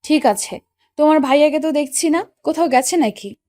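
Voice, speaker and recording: Actress doing a young wife, earnest, questioning, high voice, dry close mic, storytelling. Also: female voice, animated, brisk, dark tone, no echo. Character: young wife, hurt and puzzled. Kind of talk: Bengali audio story narration and acting.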